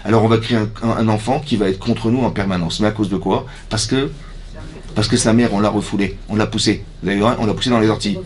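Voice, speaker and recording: A man, a rabbi giving a lively Torah lesson to a women's class. He keeps asking his listeners questions and acts out the dialogue. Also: on the low side, fast talker. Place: community hall.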